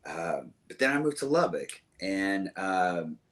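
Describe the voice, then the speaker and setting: A man's voice: low-pitched, big pitch swings, slow, a bit bright. A young man from the Southern United States, a musician guest chatting in an interview, rambling fondly with many fillers and restarts. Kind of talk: casual interview chat.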